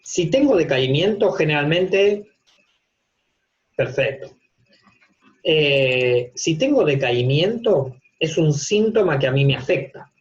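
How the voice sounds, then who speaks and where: A university psychopathology teacher from Argentina takes his time in an informal online lecture given from his home office. His fairly high voice is animated, and he explains step by step with everyday examples and rhetorical questions. The video-call recording is dull and lo-fi.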